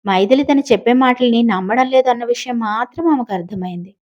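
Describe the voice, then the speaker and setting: A woman's voice: a little high, fast, a little mellow, lo-fi sound. Woman narrating a suspense story. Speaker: audiobook narrator. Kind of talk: scripted narration.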